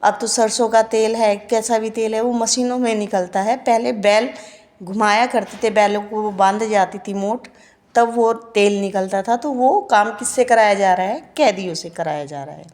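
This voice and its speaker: A woman's voice: medium pitch, moderate pace, a little mellow. A woman teaching a class, reading poem lines with rising emphasis and then explaining them plainly. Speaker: Hindi teacher.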